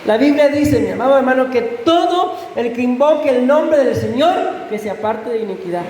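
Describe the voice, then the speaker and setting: A man's voice: very high voice, lively intonation, moderate pace, darkish tone, a little hiss or hum. Man as pastor, fervent sermon, echoey hall with long reverb and faint ambience. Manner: fervent, addresses congregation with questions. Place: church sanctuary.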